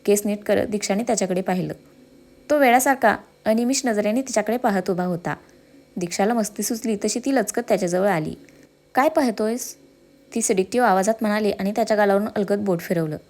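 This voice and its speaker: A woman's voice: mid-range voice, fast, darkish tone. Woman narrating a romance story.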